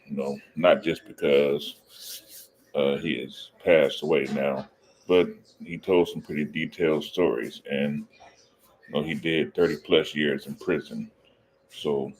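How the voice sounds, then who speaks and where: A man hosting a live reaction stream, talking casually and rambling, with fillers and self-corrections. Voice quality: very deep voice. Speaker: reaction channel host.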